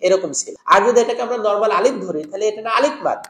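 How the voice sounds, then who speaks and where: A man's voice: sits high, lively intonation, a bit bright. A man teaching Quran recitation rules in a Bangladeshi Bengali accent, patiently repeating words and drawing out syllables for students to copy. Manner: slow, drawn-out syllables when modelling recitation; patient, repeats each word several times. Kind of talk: tajweed lesson with call-and-repeat drills. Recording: echoey room.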